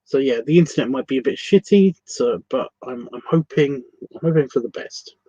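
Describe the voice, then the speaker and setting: Speaking a little fast with lively intonation, this Scottish art class host has a warm, mid-range voice and no room sound around him. He rambles through a casual livestream tutorial from his computer, fixing his own mistakes and cursing freely, all in dry, slightly muffled lo-fi audio.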